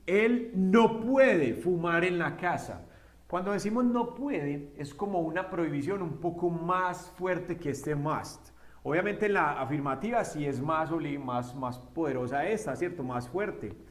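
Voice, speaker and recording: A man teaching an English grammar lesson step by step, often checking in with a quick question. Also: a little high, lively intonation. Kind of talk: recorded classroom lesson. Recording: echoey room.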